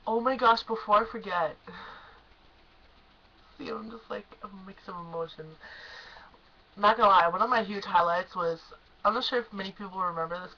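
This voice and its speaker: A young woman gushes about a concert in a casual, emotional rush, full of "like" and "oh my gosh." Her voice is bright and edged with vocal fry. The recording sounds dull and lo-fi, with a faint hiss behind her. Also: mid-range voice. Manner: gushing, emotional, lots of "like" and "oh my gosh". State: choked up. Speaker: concert fan vlogger. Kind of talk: excited casual recap.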